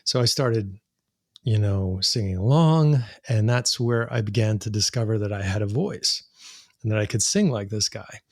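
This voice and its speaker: A middle-aged man, a singer-songwriter guest on a podcast, telling his story with animated delivery, frequent laughs and imitated sounds. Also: lowish voice, moderate pace, no room sound, studio quality.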